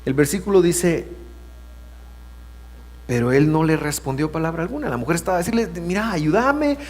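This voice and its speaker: A man preaching in a lively, rising-and-falling voice, swinging from hushed asides to loud emphasis. His sermon rings with a long reverb through a church hall. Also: on the high side, fairly quick. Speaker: pastor.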